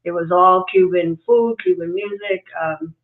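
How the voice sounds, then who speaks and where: A woman's voice: fairly low pitch, a little slow. A woman raised in Cuba and New York City, a guest executive coach speaking thoughtfully on a livestream interview, with many fillers and restarts. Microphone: video call. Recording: echoey, phone-like video call audio.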